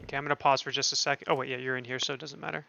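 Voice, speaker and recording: A man's voice: mid-range voice, level tone, very fast, gravelly, pushed and bright, dull audio. A man casting an esports match on his stream, chatty and thinking aloud, often correcting himself. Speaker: streamer and caster. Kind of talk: esports commentary.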